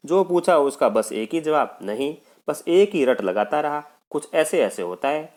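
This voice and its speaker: A man's voice: a little high, animated, measured pace, a little mellow, voice pushed up. A male teacher voicing a flustered father who animatedly retells his son's complaint, reading a play aloud. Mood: exasperated. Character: flustered Indian father describing his son's odd stomach ache.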